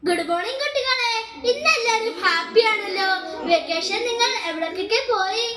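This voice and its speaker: A young performer playing a kindly school teacher who talks gently to her pupils, speaking with a Malayalam accent. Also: extremely high pitch, normal speed. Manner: gentle, coaxing. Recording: roomy echo.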